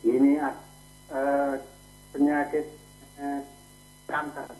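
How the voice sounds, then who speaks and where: A man's voice: medium pitch, monotone, a little mellow, faint music behind. A man calling in by phone, talking in hesitant fragments over a choppy line that keeps cutting out. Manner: halting, hesitant, short fragments. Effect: choppy phone line that keeps breaking up. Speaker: caller. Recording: echoey phone call that cuts in and out.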